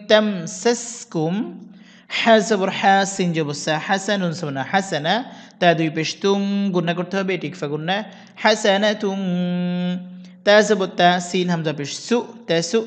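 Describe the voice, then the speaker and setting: Male recitation teacher, higher-pitched, patient and methodical, slow drawn-out verses, reverberant sound. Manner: patient, spells out each syllable. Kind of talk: spelling-out recitation lesson. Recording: long reverb.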